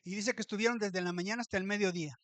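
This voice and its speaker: A man's voice: high voice, steady tone, racing, fairly bright tone, no echo. A man preaching a sermon as pastor, telling the story vividly, acting out the characters' lines and often asking his listeners for agreement. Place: church.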